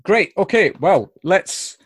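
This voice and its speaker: A man hosting a podcast, asking questions in a casual, halting way with repeated words. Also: high-pitched, animated, husky. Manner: hesitant, repeats words as he starts sentences. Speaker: podcast host. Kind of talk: casual interview.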